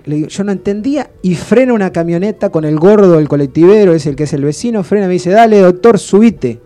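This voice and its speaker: A man with a Rioplatense Argentine accent telling a comic story on the radio in a rambling, deadpan way with frequent restarts. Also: high voice, quick pace, faint music behind. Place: radio studio.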